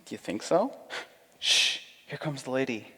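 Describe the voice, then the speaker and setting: A man plays a conceited young gentleman suitor in a comic radio play, speaking in a self-satisfied, theatrical way. His voice sits at an ordinary middle pitch and rings with a long reverb. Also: expressive, normal speed, breathy edge, exaggerated voice. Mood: pompous. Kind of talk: comic audio drama acting.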